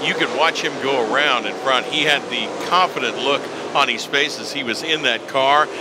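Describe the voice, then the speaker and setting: A man's voice: mid-range voice, moderate pace. An American man working as a motorsport commentator, announcing dirt track racing in short, clipped phrases. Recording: noisy outdoor racetrack, engine roar behind.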